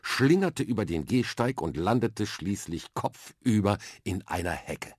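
A man reading a children's story aloud, with lively, expressive narration at a close studio mic. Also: on the low side, measured pace, husky. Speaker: reader.

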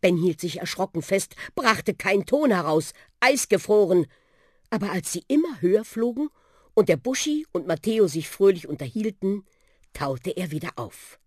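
A narrator reading a children's audiobook with expressive, lively storytelling. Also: medium pitch, normal speed, breathy edge, no room sound, studio quality.

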